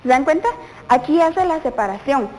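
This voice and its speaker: High-voiced woman teaching on TV. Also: lively intonation, moderate pace, a little mellow, long reverb tail, poor audio. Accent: Guatemalan Spanish. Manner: explanatory, acts out example exclamations. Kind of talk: televised classroom lesson.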